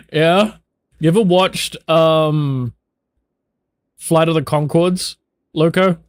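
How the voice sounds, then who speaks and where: A young man with a New Zealand accent chats with his stream viewers in a loose, jokey way, swearing freely. His voice sits a little on the high side. The recording is dry and close, with no room sound. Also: fairly even intonation, very slow, long pauses, no echo. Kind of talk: casual chat.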